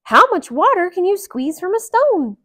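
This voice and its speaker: Woman as squeaky, plucky Mickey Mouse. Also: sing-song, normal speed, bright, forceful tone, exaggerated voice. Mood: challenging. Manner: squeaky, chirpy, challenging. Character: small plucky cartoon mouse hero, male, cheeky and daring. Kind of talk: children's storybook character voice.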